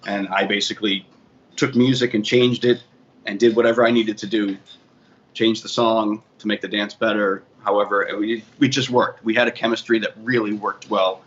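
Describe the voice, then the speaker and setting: Fairly low in pitch and a bit bright, with fairly even intonation at a normal speed, this man talks in a Boston accent. He's from the Boston area, USA, a DJ and bar manager who is a guest in a casual interview, rambling through his career story with frequent self-corrections. Faint ambient noise comes through muffled audio.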